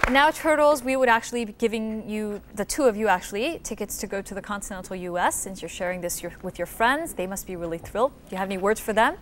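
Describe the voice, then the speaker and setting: A woman's voice: mid-range voice, quick pace, hardly any pauses, a faint crowd, a little hiss or hum. A woman hosting a quiz show, addressing contestants and explaining answers.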